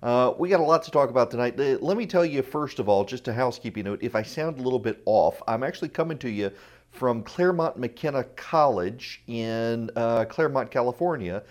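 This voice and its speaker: A man's voice: mid-range voice, animated, fairly quick. A man hosting a radio talk show with opinionated, informal commentary and dry asides, speaking on a lav mic in an echoey, untreated room. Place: indoor room at a college without sound paneling. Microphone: lavalier.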